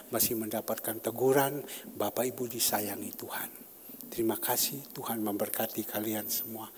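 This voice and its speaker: A male pastor preaching in an informal, conversational manner, his voice ringing through a large, reverberant church hall. He swings between sudden loud bursts and quiet, dropped asides. A faint ambient hum sits behind him. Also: on the low side. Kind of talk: sermon.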